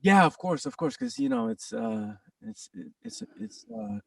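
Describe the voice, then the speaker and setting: A man from Quebec with a French-Canadian accent chats casually as an interview guest, halting with many restarts and quick laughs. His high, creaky voice swings hugely in pitch, and the mic is distant with no echo.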